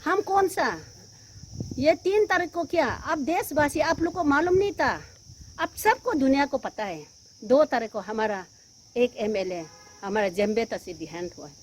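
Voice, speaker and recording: A woman from Arunachal Pradesh gives an emotional public statement in a fairly high voice, pleading and reproachful by turns. She rises sharply, then drops to quiet, weary stretches. Faint outdoor noise hums underneath. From Arunachal Pradesh, India. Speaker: woman answering allegations on local news.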